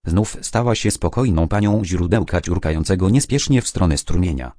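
A man narrating a children's story in a calm, gentle storytelling manner. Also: sits low, normal speed, dry recording, clean studio sound.

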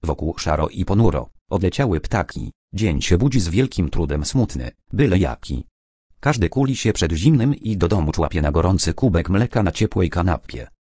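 A man narrating children's stories and poems aloud in a clear, even storytelling manner. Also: sits low, normal speed, no room sound, clean studio sound.

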